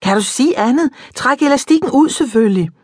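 Audiobook: woman voicing cheeky young girl, high and brash, sing-song teasing, dry close sound. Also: big pitch swings, a little mellow, no room sound. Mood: eager teasing.

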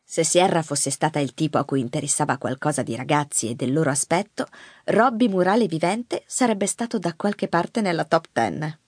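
A woman narrating an audiobook in an expressive, measured storytelling manner. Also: low voice, husky, dry recording. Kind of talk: scripted narration. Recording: dry close studio mic.

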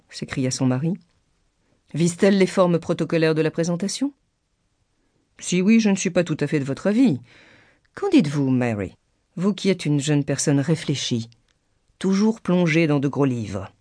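A woman reading an audiobook, voicing a dry, sarcastic middle-aged husband who teases calmly and ironically. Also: deep voice, moderate pace, no echo. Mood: teasing. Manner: calm, teasing, ironic.

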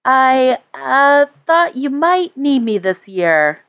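Narrator putting on a perky, breathy young woman of twenty, pitched up high, teasing; slightly dull audio. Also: sing-song, slow pace, fairly bright tone, dry recording, heavily acted. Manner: teasing, cheerful.

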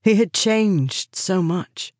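A woman narrating a crime novel in a measured, descriptive reading. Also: mid-range voice, lively intonation, a little mellow, dry recording, studio quality. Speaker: audiobook narrator. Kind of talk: scripted narration.

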